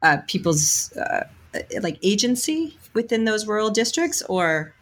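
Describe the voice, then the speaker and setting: A woman's voice: medium pitch, sing-song, a little slow. A woman hosting a book podcast, asking a guest questions in a friendly, encouraging way. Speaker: podcast host. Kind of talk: podcast interview.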